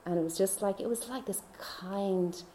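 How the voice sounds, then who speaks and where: Chatty woman with a mellow voice. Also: mid-range voice, normal speed, roomy sound, slight background noise. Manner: chatty, laughs often, dips into soft whispers. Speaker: speaker. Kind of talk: personal faith testimony.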